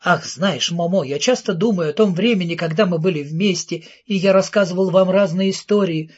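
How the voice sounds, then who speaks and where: A man voicing an excitable, famous male storyteller who gushes and rattles off questions, in an audiobook. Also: high-pitched, breathy edge, highs cut off. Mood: excited, gushing. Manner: breathless, gushing, rapid-fire questions.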